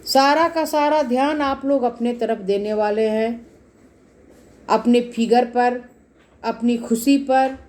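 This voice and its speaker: A woman whose voice is on the high side, with a darkish tone and slow pace, reads tarot casually for an audience. She speaks right to them and explains each card at length, circling back over it repeatedly.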